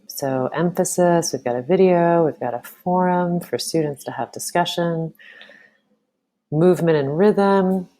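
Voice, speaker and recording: A woman teacher walking through a software tutorial, talking casually and thinking aloud with frequent ums. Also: deep voice, a little hiss or hum. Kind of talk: screen-recorded software tutorial.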